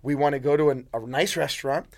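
A man's voice: mid-range voice, steady tone, fast talker. A man talking as a podcast guest, rambling with lots of fillers in an upbeat way. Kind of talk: casual interview chat.

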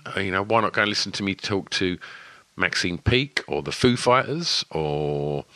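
A man's voice: low voice, normal speed, bright, forceful tone, no echo. A man with an Essex accent and a lisp, hosting a podcast in a casual, rambling, chatty way. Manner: rambling, wittering delivery. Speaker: podcast host.

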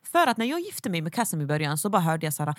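A woman's voice: lowish voice, very animated, dry recording, clean studio sound. A woman co-hosting a podcast, talking bluntly and emphatically, swearing freely in casual chat. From Sweden. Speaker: podcast co-host.

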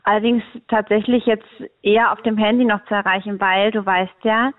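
A woman's voice: mid-range voice, flat delivery, brisk, no echo. Woman over a phone line, tinny and dry, casual chatty co-host. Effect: heard over a phone line. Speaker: podcast co-host.

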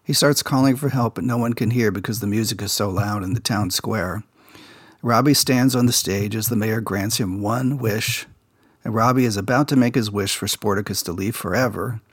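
A man with a fairly low, breathy-edged voice talks at normal speed, captured at studio quality with no room sound. Hosting his podcast, he casually walks through a children's TV episode and shares behind-the-scenes production stories with an insider's relaxed ease.

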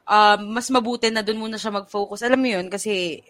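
A woman's voice: medium pitch, fast talker, a crowd in the background. A woman with a Filipino accent chatting casually as a podcast co-host, mixing Tagalog and English with slang.

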